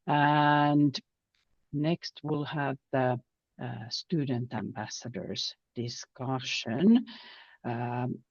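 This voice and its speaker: A woman moderating an online info session over a video call, chatty and trailing off softly. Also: extremely low pitch, extremely slow, vocal fry, husky, no room sound. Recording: muffled dry video call audio.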